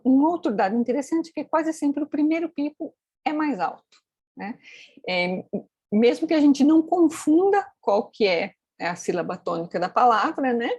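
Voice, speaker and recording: Husky woman explaining patiently. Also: high-pitched, darkish tone, dry recording. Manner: explanatory, frequent tag questions. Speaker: phonetics instructor. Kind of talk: screen-recorded tutorial.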